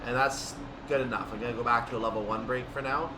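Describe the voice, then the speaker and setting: A male host narrates train simulator play step by step for his gaming video, speaking quickly at medium pitch. Though casual, he's methodical about each action, and heavy steady noise sits behind his distant-sounding voice.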